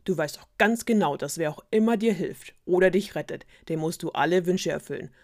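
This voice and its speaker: A woman's voice: fairly low pitch, a little fast, close to an everyday voice. A woman voicing a strict old king who scolds his daughter, in a spoken fairy tale. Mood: stern. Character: stern, grumpy old king and father.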